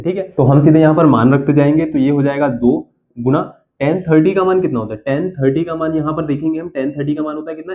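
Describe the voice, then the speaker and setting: A man teaching a school math lesson, working through each step aloud and often checking in with the class. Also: a little high. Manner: talks himself through each step, keeps checking "theek hai sir". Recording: tinny phone-like audio.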